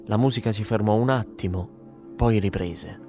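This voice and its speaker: A man narrating a story as an audiobook, in a calm, measured way. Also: fairly low pitch, music in the background.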